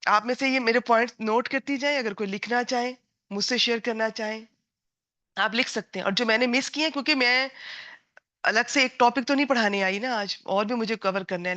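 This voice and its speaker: A woman's voice: a little high, fairly bright tone. Earnest woman giving a religious lecture. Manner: earnest, advising, acts out scolding voices. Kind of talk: Islamic lecture to women.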